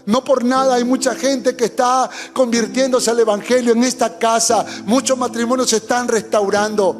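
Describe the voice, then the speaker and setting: A man's voice: very high voice, fairly even intonation, moderate pace. A man preaching a sermon as pastor, fervent and urging, sharing his testimony. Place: church hall. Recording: long hall reverb with faint music.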